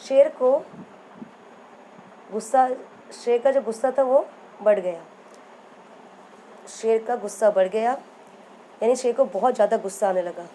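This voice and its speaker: Woman teacher narrating a children's story, fairly high and mellow, checks the class with questions. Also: measured pace, long pauses, slight background noise, rough recording. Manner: repeats and quizzes the listeners.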